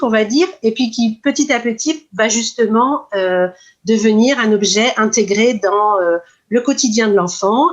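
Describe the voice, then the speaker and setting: Hesitant speech therapist woman. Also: medium pitch. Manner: measured, many hesitations and fillers. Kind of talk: explanatory interview answers.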